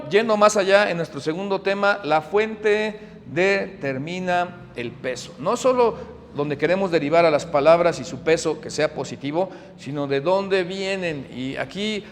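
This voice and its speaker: Animated pastor, high voice, hall reverb. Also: male voice. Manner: animated, swings from loud emphasis to hushed asides. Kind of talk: sermon.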